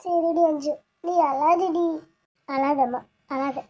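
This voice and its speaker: A woman's voice: high voice, steady tone, slow pace, highs cut off. A woman voicing the fond, tearful mother of a pregnant bride in a cartoon serial, soothing her daughter. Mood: consoling. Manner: soothing and consoling.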